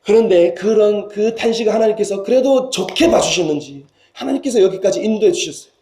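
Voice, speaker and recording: A man preaches a sermon in a high, fervent voice that drops to hushed pleading and rises to loud cries. The recording carries the roomy echo of a church sanctuary. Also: fairly quick. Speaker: senior pastor. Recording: roomy church hall sound.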